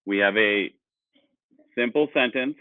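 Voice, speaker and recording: A man's voice: lowish voice, measured pace, smooth, no echo. A male teacher leading an online grammar lesson, explaining patiently and asking the class questions. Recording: dry, phone-like sound.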